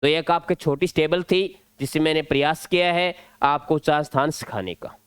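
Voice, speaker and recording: A man's voice: fairly high pitch, fairly even intonation, normal speed, smooth, no room sound. A male teacher with a Rajasthani Hindi accent, explaining an exam-prep grammar lesson step by step at a board. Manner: step-by-step explaining, drilling points.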